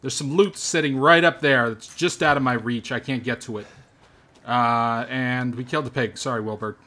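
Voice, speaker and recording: A man's voice: mid-range voice, fairly even intonation, moderate pace. Foul-mouthed man grumbling over a game. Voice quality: swearing, grumbling, sudden shouts. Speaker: host. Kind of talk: profane gaming commentary.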